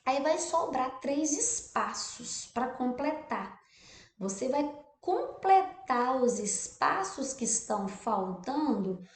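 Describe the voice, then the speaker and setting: A Brazilian woman, a primary school teacher, explaining a textbook exercise to children, drawing out syllables and often checking "tá bom?". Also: high voice. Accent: Brazilian Portuguese. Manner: lively, drawn-out stressed syllables, frequent "tá bom?" checks. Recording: echoey room.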